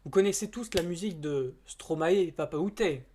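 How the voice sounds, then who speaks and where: A man's voice: high-pitched, brisk, background noise. A man chatting casually to camera as a YouTuber. He rambles and hesitates, with many fillers and restarts, in informal, slightly crude speech.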